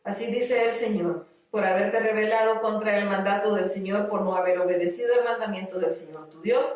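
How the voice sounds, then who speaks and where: A woman's voice: medium pitch, darkish tone, lightly acted. Firm man of God, read by a woman. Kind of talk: scripture reading. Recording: very echoey room, far from mic.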